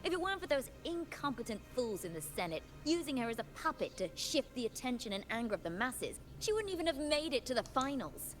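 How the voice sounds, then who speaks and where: A proud noblewoman warrior in a video game. Her high voice swings widely, imperious and dramatic, over a clear music bed. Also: very animated, fast talker, hardly any pauses. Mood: haughty, disdainful. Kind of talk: scripted video game dialogue.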